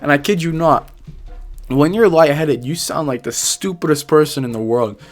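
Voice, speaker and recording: A young man casually telling a personal story to camera, animated and full of slang, often laughing as he goes. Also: fairly high pitch, moderate pace, soft background music. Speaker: vlogger.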